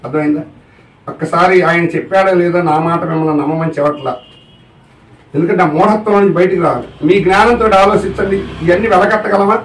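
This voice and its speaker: High-voiced, fast-talking male spiritual teacher. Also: reverberant, distant mic, slight background noise, low-quality recording. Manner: keeps asking the audience questions. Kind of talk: religious discourse to a live audience.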